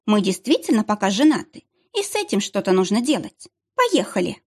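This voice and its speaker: A woman voicing a sharp-tongued, mocking young heroine with biting, sarcastic retorts. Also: medium pitch, very animated, a little fast, husky.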